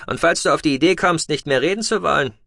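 A brisk starship captain, which a man voices, pushes others with urgent, driving lines. The voice sits a little higher than his narration, and the dry recording keeps it close. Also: vocal fry, sharp tone, dry recording. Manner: brisk, urging.

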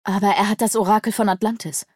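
A woman's voice: mid-range voice, steady tone, quick pace, darkish tone, breathy edge, no echo, close to an everyday voice. A deferential female servant, as a woman reader plays her, pleading earnestly with her master. She speaks up with urgency in a storybook reading. The sound is dry and close. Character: humble, pleading young female servant of the demon.

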